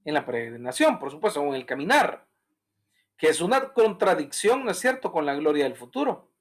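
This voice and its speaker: Man, pastor, sermon, swooping animated pitch, acts out voices. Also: brisk. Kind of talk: Bible study sermon.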